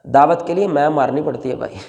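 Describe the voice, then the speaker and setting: A male preacher, telling a story in an emotional sermon that swings between soft pleading and loud exhortation. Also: on the high side, muffled recording. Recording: long reverb in a large hall.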